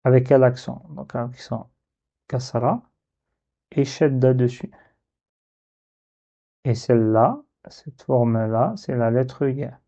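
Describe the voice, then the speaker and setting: Male teacher, French accent, unhurried step-by-step lesson delivery, dark muffled tone. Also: medium pitch. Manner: slow, patient, drawn-out sounding of syllables.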